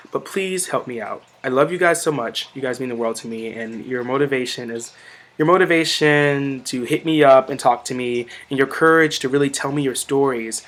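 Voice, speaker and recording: A man's voice: mid-range voice, a bit bright. A young man from the United States talking straight to camera in a casual vlog, chatty and self-joking, with lots of "um"s and "you know"s. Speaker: vlogger.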